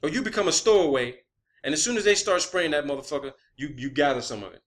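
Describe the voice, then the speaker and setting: On the high side and speaking at a quick pace, a man launches into a confrontational, blunt rant packed with profanity, directed at his camera or viewers as an online video creator.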